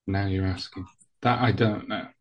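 Low, husky-voiced male host asking hesitant, polite interview questions. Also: steady tone, moderate pace, muffled recording. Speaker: podcast host.

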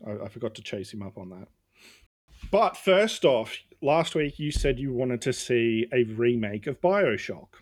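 Teasing man with a mid-pitched voice. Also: expressive, unhurried. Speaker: podcast co-host. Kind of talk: casual banter.

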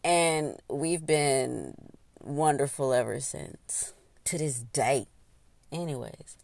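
A woman hosting a podcast, telling a story in a casual, animated way, laughing and snacking as she talks. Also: slow pace, gravelly, no room sound. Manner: animated, laughs often, acts out quotes in high voices; eats while talking. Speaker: podcast host.

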